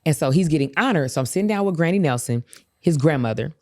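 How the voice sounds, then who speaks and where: A woman co-hosting a casual couples podcast, talking in an animated, laughing way and often slipping into playful quoted voices. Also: deep voice, quick pace, no echo, clean studio sound. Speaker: podcast co-host.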